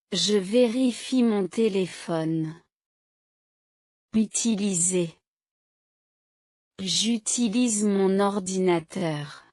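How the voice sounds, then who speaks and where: Slow, deliberate woman drilling vocabulary. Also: mid-range voice, darkish tone, no echo, clean studio sound. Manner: clear, deliberate, evenly paced. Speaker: French teacher. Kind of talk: slow vocabulary drill, each sentence said twice.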